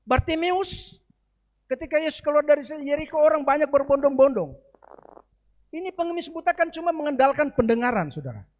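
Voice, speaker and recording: A middle-aged man preaching a sermon in a conversational way, often adding a quick "ya" between phrases. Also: high voice, darkish tone, rough recording. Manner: conversational preaching with frequent "ya" asides. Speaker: pastor.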